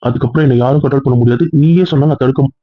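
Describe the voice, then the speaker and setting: Man as a forceful young husband, fast and husky, tinny lo-fi audio drama. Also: mid-range voice, no room sound, close to an everyday voice. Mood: insistent. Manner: pleading then insistent, quick. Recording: tinny phone-like dry sound.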